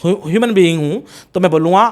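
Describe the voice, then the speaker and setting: A middle-aged man with an Indian accent teaching a grammar lesson in a classroom, drilling example sentences slowly and deliberately as he mixes Hindi and English. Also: high-pitched, darkish tone. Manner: switches between Hindi and English.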